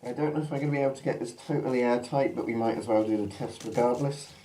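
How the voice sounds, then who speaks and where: Speaking fast in a mellow, medium-pitched voice, a man demonstrates military gas masks, his words muffled by the mask he's wearing. He presents casually and off the cuff, in a noisy amateur recording with sound in the background.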